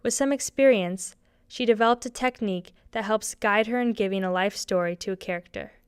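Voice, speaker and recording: A woman narrating a short documentary and interviewing its subject, reading her script in an even, read-aloud way. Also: mid-range voice, brisk, smooth, no echo, studio quality.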